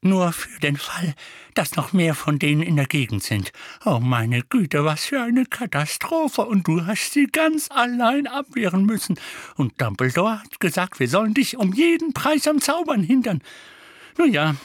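A man reading aloud and voicing an old woman with a shrill, screeching voice, scolding and impatient. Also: sing-song, a little slow, dry recording, studio quality, full character voice. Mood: fussy.

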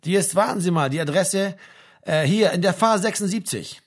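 A man voicing a gruff, joking army sergeant major who talks down to a soldier, read as an audiobook. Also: high-pitched, normal speed, pitched above the performer's own voice. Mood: bossy. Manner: brusque, teasing, talks down. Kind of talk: audiobook reading.

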